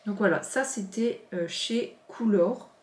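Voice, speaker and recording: A woman's voice: mid-range voice, slow. A woman in her thirties chatting casually as she unboxes parcels, gushing with many exclamations. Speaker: vlogger. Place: home office. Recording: roomy echo.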